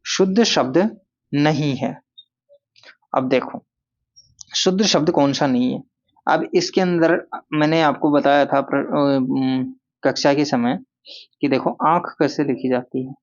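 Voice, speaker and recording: A man's voice: medium pitch, steady tone, measured pace, pauses often, lo-fi sound. A male Hindi grammar teacher giving a lesson, who repeats key words and asks and answers his own questions. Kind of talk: classroom-style grammar lesson.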